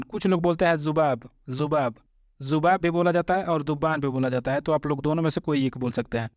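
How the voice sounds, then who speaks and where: Man, young adult, language teacher, patient repetition, slightly high voice, dry close mic. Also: no echo. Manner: repeats each word slowly and clearly. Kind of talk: vocabulary lesson.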